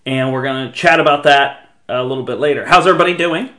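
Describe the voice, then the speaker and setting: A man's voice: mid-range voice, fast, sharp tone, echoey room. A man hosting a podcast in a casual, chatty style. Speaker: podcast host. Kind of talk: casual gaming podcast chat.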